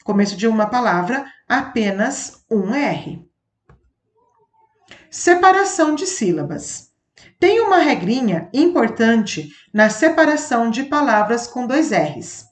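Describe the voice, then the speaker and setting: A woman's voice: fairly high pitch, big pitch swings, unhurried. A woman teaching a phonics lesson, stretching out each example word and spelling it out with careful enunciation. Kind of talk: slow classroom phonics lesson. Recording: echoey room.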